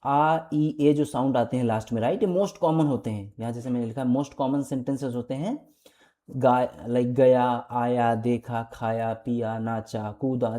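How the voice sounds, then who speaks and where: A woman's voice: sits low, dark tone. A woman with an Indian accent teaching an online English grammar lesson, patiently asking and answering her own questions.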